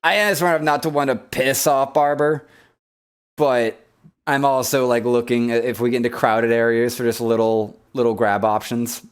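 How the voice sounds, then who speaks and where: A man's voice: mid-range voice, little pitch movement, moderate pace, smooth. Casual man playing a tabletop game. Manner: casual, speaks partly in character. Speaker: player. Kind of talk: tabletop role-play chat.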